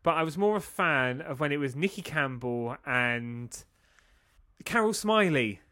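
A man with a bright, forward voice, pitched a little high. He talks informally and conversationally as a music podcast co-host. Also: expressive, a little slow. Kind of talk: casual music chat.

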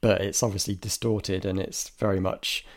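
His low voice stays flat at a moderate pace as he co-hosts a casual film podcast. The man is chatty and considered in his remarks, yet frequently restarts and hedges, punctuated by bursts of laughter.

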